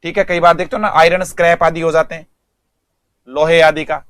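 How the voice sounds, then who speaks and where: A man's voice: fairly high pitch, little pitch movement, a little fast, fairly bright tone, clear, resonant tone, dry recording. A male English teacher giving an online vocabulary lesson, speaking, repeating words and quizzing students.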